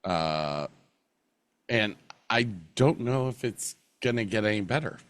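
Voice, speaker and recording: A man with a blocked-up nose, chatting casually and haltingly as a podcast co-host. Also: lowish voice, lively intonation, a bit bright, no room sound. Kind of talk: casual chat.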